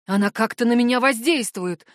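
A woman's voice: a little high, moderate pace, dry recording, studio quality, close to an everyday voice. A hissing predatory young shapeshifter man, read by a woman. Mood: menacing. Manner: hissing, clipped threats. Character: young male shapeshifter, predatory, hot-tempered. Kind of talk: audiobook narration.

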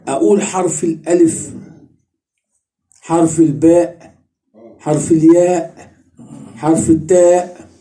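A man with an Egyptian Arabic accent gives a religious study lesson, posing questions and answering them himself and repeating each point. His voice is high and mellow.

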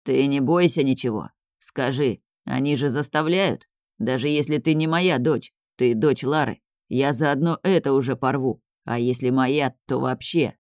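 A man's voice: dry recording, studio quality, close to an everyday voice. A reader voicing a hot-tempered, foul-mouthed bearded older man who growls and swears. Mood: gruff. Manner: growling, deep and slow.

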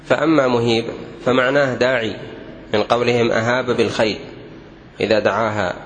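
Measured man correcting grammar errors. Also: medium pitch, fairly even intonation, slight background noise, rough recording. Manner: didactic, measured, repeats each correction. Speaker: Arabic language teacher. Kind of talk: lesson correcting common errors.

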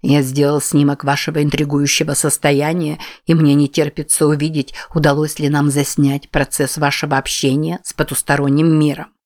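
A woman reading an audiobook, voicing a calm, curious male photographer. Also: low voice, moderate pace, few pauses, dry recording, clean studio sound, close to an everyday voice. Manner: calm, inquisitive.

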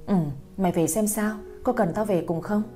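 Brisk, urgent young woman friend in a storybook audio, mellow tone, read by a woman narrator. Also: medium pitch, faint music behind, natural voice. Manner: urgent, brusque.

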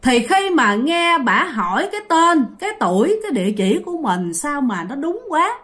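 A woman's voice: high-pitched, sing-song, normal speed, fairly bright tone. A woman telling a ghost story in a chatty style, addressing listeners directly. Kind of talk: casual ghost story narration.

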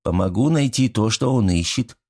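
A man voicing a calm, soft-spoken but insistent old grandmother spirit in a fairy tale. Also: lowish voice, normal speed, slightly rough. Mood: calm, firm.

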